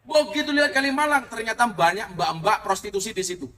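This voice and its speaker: High, bright joking male preacher. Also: expressive, brisk. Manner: joking, storytelling, playful asides. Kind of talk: comic sermon to a crowd. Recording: distant mic with faint noise.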